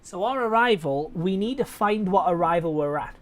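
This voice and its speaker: A man's voice: high voice, expressive, normal speed. A man streaming, explaining things in a chatty, casual way with the odd swear word.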